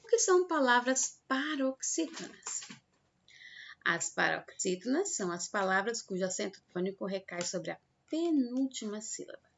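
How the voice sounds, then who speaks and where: A Brazilian woman teaching a lesson to children, slow and patient, stretching out example words to show the stressed syllable. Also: a little high, big pitch swings, a little hiss or hum. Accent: Brazilian Portuguese. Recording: dull lo-fi recording.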